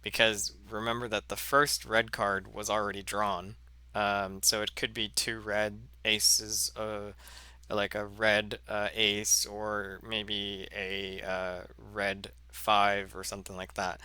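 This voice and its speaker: A man teaching a math lesson in a slow, halting way, full of fillers and self-corrections. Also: lowish voice, completely flat delivery, bright, forceful tone, clear, resonant tone, no echo. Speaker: math instructor. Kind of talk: recorded lecture.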